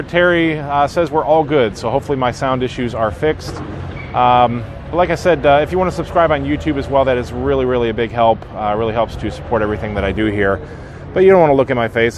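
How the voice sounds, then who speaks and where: With a noisy background behind him, a man in a mid-range voice hosts a relaxed live-stream tour on foot along a theme park walkway outside. He's a bit sniffly from a sinus infection, says hello to viewers by name, and peppers his talk with fillers.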